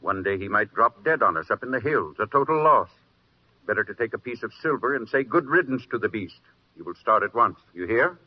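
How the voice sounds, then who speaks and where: A man's voice: medium pitch, lively intonation, a little fast, lightly acted. An actor playing a stern, hard-hearted peasant father who gives curt commands, in an old-time radio drama. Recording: muffled old radio recording.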